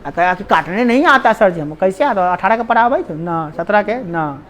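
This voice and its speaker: A man's voice: sits high, animated, normal speed, fairly bright tone, slight background noise. A man teaching a maths class with a Bihari Hindi accent, talking with his students in a chatty, teasing way and cracking jokes between steps. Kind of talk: classroom lesson.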